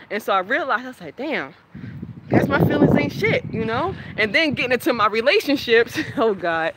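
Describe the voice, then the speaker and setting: A woman's voice: on the high side, background noise. A young woman, talking candidly in a personal vlog, rambling and laughing often. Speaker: vlogger.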